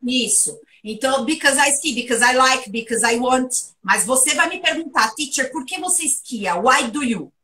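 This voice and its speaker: A woman giving a private English lesson, lively and playful as she runs question drills. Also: high-pitched, moderate pace, few pauses, recorded from a distance. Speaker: English teacher.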